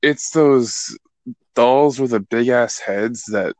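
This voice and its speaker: A man's voice: medium pitch, slow pace, a little mellow, no echo. Young man, casual chat, laid-back, jokey, swears, dry close sound.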